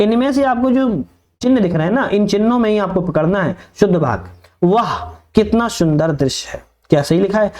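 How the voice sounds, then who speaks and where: A coaching teacher works through test answers, turning each answer into a quick question and addressing viewers as brother. His voice sits high and is a little mellow.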